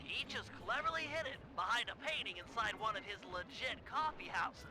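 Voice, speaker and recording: A man voicing a nerdy young male turtle strategist who briskly briefs the team on plans, in a game. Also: very high-pitched, expressive. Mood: briefing. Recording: game audio with music behind.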